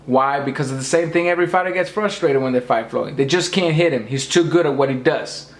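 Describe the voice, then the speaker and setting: Losing his voice, a boxing commentator rants emphatically to camera about boxing, lecturing his viewers with strong opinions. He speaks briskly in a mid-range voice, and the sound is roomy.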